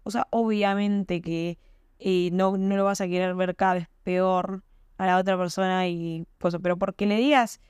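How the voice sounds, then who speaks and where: A woman's voice: fairly low pitch, fairly even intonation, moderate pace, a little mellow, clean tone, no room sound, clean studio sound. A young woman with an Argentine accent hosting a podcast, talking casually and emphatically with rhetorical questions. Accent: Argentine Spanish. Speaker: podcast host. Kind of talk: casual monologue.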